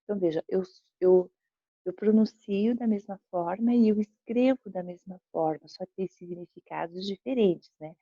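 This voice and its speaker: A Brazilian woman with a medium-pitched voice teaches a school grammar lesson at normal speed, in a Brazilian Portuguese accent. She patiently repeats examples and checks in with her students. The recording is dull and lo-fi, with no room sound.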